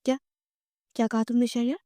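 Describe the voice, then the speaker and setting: A woman's voice: fairly high pitch, level tone, warm tone, no room sound, studio quality, close to an everyday voice. A woman voicing a tearful, betrayed young wife. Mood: hurt. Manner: tearful, accusing. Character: heartbroken young wife, hurt and angry.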